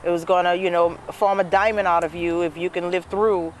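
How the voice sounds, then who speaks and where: Brief: New woman, about fifty, animated storyteller, light background noise. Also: fairly low pitch, brisk. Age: around 50. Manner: animated storyteller, lots of "you know". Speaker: guest, dress business owner. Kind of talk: casual interview chat.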